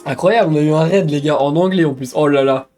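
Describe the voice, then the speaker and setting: French streamer, excitable and rambling, fairly high voice. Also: male voice, fast talker, soft background music. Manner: excitable, rambling, self-mocking. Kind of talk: let's play commentary.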